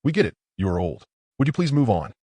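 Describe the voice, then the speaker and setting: A man acting as a dry, deadpan foil to the host in a comedic review. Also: lowish voice, brisk, dry recording.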